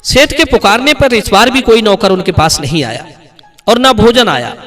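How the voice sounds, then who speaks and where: A man's voice: high voice, expressive, moderate pace, a bit bright, soft background music. A man narrating a moral folk tale, addressing the listeners as friends. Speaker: storyteller.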